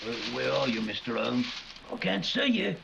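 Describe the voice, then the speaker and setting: A man playing Inspector Lestrade, a gruff, determined, plain-spoken policeman in 1940s radio mystery style. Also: mid-range voice, sing-song, moderate pace. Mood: uneasy. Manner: blunt, colloquial working-class speech. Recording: dull, clearly noisy live recording.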